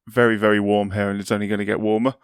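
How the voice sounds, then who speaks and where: A man's voice: lowish voice, flat delivery, rapid-fire, clear, resonant tone, no room sound, clean studio sound. A man chatting casually as a podcast host. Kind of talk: casual chat.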